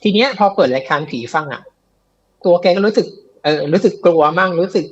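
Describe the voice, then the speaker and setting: A man's voice: high-pitched, brisk, slightly rough, highs cut off. A man telling a ghost story in a casual, chatty way, with many fillers and repeats, on a live show. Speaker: guest storyteller of ghost stories.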